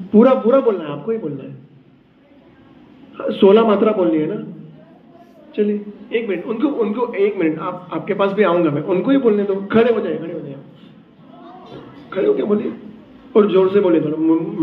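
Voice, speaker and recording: A man teaching a tabla workshop to a group, reciting rhythm syllables slowly and quizzing the students on the count. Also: sits high. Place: school hall with a group of students. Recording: echoey, phone-like, faint hiss.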